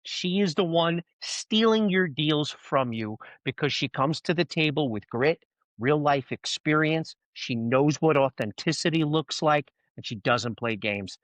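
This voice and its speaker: A man's voice: fairly high pitch, animated, measured pace, a bit bright, no room sound, low-quality recording. A man from Brooklyn hosting a podcast interview, full of joking, self-mocking banter. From Brooklyn, New York. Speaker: podcast host.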